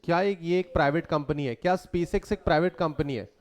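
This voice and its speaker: A man's voice: on the high side, brisk. A man teaching a lecture in a conversational way, often quizzing his students with questions. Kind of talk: lecture mixing Hindi and English.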